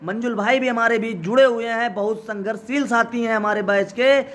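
A man with a very high, bright and strained voice gives a rallying live speech. He sounds hoarse from days of shouting, urges his listeners insistently, and repeats the same call again and again. He speaks like someone running a protest. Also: moderate pace. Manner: urgent, exhorting, repetitive. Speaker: protest organizer. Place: outdoor protest site.

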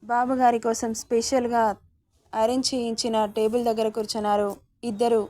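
A woman narrating a serialized romance story in a steady, even reading voice. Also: on the high side, normal speed, no echo.

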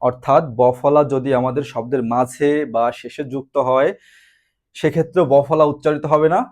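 A man teaching a grammar lesson slowly and deliberately, repeating examples and asking rhetorical questions. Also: fairly high pitch, steady tone, darkish tone.

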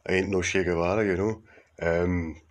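A Scottish man in his fifties with a Glaswegian accent sends a video message as a contributor, talking casually to camera. His voice is low-pitched and steady at a normal speed, and he rambles hesitantly with many fillers and restarts.

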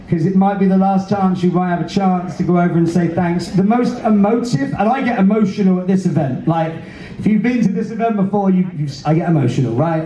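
A man's voice: sits high, warm tone, recorded from a distance, muffled recording. A British man working as a cruise director, addressing a theater audience from the stage in an earnest, emphatic, emotive way through a PA. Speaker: cruise director hosting a veterans' event. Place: large indoor theater stage. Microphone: handheld mic, filmed from the audience. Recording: roomy theater PA heard from afar, faint noise.

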